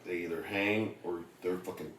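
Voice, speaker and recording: Loud swearing man, echoey room. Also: low-pitched, normal speed, distant mic. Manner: loud, animated, heavy swearing. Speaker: machinist telling work stories. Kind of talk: casual profane chat. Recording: echoey room with faint noise.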